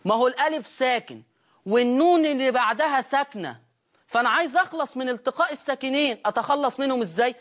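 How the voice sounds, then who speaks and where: A woman with an Egyptian accent teaching Quran recitation rules on a broadcast, explaining quickly and often checking whether her listeners follow. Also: high-pitched, animated. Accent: Egyptian Arabic.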